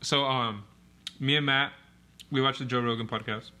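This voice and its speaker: A young man chatting on a podcast, relaxed and slangy, breaking into laughs between thoughts. His voice is bright and forward, sitting at an ordinary male pitch. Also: moderate pace. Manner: laid-back, laughs often, slangy. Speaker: podcast co-host. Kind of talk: casual chat.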